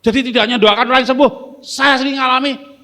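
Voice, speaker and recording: Guest pastor, male, high voice; animated story-driven sermon, loud-soft swings, echoing church hall. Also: a little fast. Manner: storytelling, acting out dialogues with sudden loud and soft turns.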